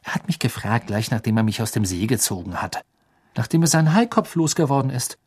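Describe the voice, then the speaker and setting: A man reading an audiobook, voicing a clever teenage girl in a soft, hushed, confiding tone. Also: medium pitch, animated, fairly quick, slightly rough, no echo.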